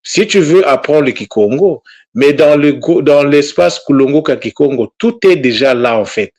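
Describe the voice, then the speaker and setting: A man teaching his followers in an informal monologue, earnest and exhortative, talking about himself in the third person and pausing often with fillers and repeated words. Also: fairly high pitch, lively intonation, a little mellow. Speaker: Kikongo language teacher.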